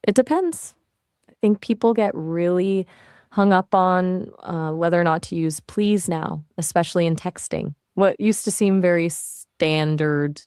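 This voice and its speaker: Woman, synthetic AI assistant voice, low-ish, chatty, casual fillers, dry close sound. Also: a little mellow, smooth, no room sound. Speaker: AI voice assistant answering questions. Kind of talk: casual conversational answers.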